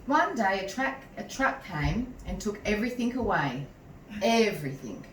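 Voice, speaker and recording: A woman with a medium-pitched voice, a teacher, reads a picture book aloud to young children in a measured, animated way, pausing to chat with them. The recording is roomy and echoey, captured from a distant mic with some noise.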